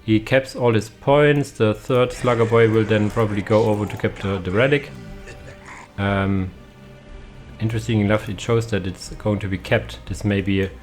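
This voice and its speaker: Casting note: young male game caster, lowish voice, halting casual delivery, faint music underneath. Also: a little mellow. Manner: hesitant, many fillers and restarts.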